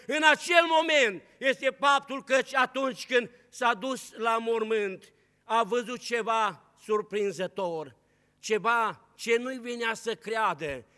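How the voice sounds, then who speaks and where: Fervent high-voiced preacher in a reverberant hall. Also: male voice, smooth. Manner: fervent preaching, swings between loud and hushed. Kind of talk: sermon.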